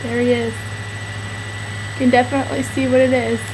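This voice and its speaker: A woman's voice: a little high, little pitch movement, moderate pace, noisy background. A young woman in silly, teasing home-video banter, arguing playfully about names.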